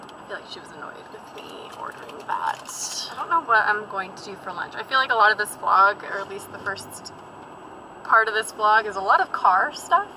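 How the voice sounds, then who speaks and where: A young adult woman with a fairly high voice vlogs from behind the wheel, chatting loosely and rambling about her day with lots of fillers and asides. A dashboard camera records her inside the car, both parked and moving, with steady road and engine noise beneath her voice.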